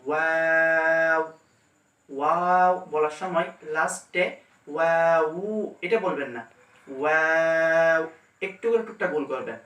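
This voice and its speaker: A man teaching pronunciation step by step, demonstrating each letter slowly and carefully. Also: fairly high pitch, animated, fairly bright tone, recorded from a distance. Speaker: Quran teacher. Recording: echoey room, mic set back.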